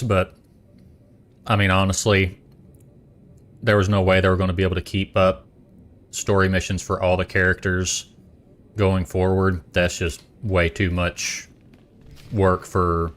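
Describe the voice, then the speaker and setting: Deep-voiced man casually streaming a game. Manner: relaxed rambling, talking while eating. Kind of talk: casual gaming stream chat.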